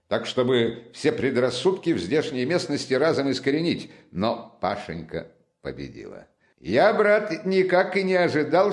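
A man voicing an excitable, talkative young man who rattles on with teasing, boastful animation in an audiobook. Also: medium pitch, voice pushed up. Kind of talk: audiobook character reading.

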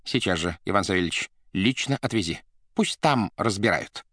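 A man voicing a grim, bitter male finance director who speaks slowly and heavily. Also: on the low side, expressive, a bit bright, no room sound, clean studio sound. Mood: brisk. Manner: slow, heavy, spiteful. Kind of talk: audiobook character voice.

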